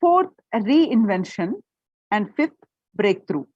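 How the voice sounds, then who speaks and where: A woman's voice: medium pitch, very animated, slow pace, slightly rough, no echo, highs cut off. A woman presenting and reading a prepared article aloud, with the odd filler and restart.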